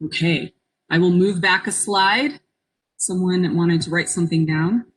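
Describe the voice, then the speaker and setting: Low, husky woman leading an online workshop. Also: a little slow, poor audio. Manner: encouraging, reflective, invites participation. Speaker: workshop presenter. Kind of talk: interactive webinar presentation. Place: online conference call.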